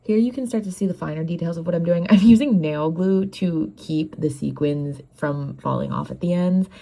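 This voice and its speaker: A woman's voice: fairly low pitch, normal speed, vocal fry, warm tone. A young woman in a casual, candid vlog voice-over. She is chatty and pokes fun at herself, and she has a runny nose. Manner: chatty, candid, self-deprecating. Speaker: vlogger.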